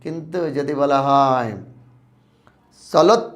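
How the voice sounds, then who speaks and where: A man teaching a grammar lesson to students, repeating terms slowly and asking them questions. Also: medium pitch, lively intonation, lo-fi sound. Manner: drawn-out repetition of words for students.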